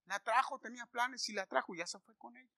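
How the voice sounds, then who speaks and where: Abandoned landlady, tearful, complaining, high-pitched, put on by a male preacher, bright tone. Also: quick pace, no room sound, studio quality, exaggerated voice. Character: heartbroken woman landlady, abandoned by husband.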